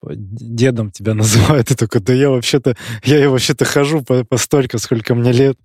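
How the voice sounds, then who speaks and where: A man's voice: medium pitch, steady tone, a little fast, a little mellow, husky, no room sound, clean studio sound. A man hosting a podcast interview, asking friendly, curious questions in a casual way. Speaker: podcast host.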